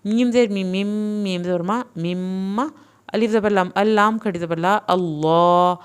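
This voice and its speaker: A woman's smooth, mid-range voice guides a recorded Quran reading lesson. She takes syllables slowly, merges them into words, and adds brisker, plain explanations of the rules between drills.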